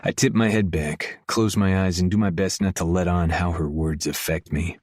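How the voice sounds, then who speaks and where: A man reading a first-person romance audiobook in a low, intimate, measured way, close to the mic. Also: fairly even intonation, a little mellow, dry recording. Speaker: audiobook narrator.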